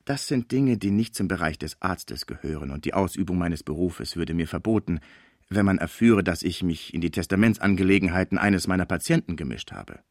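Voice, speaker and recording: Dignified doctor, measured and formal, read by a man, low voice, dry. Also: lively intonation, no echo. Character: cautious, dignified male doctor. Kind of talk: audiobook character voice.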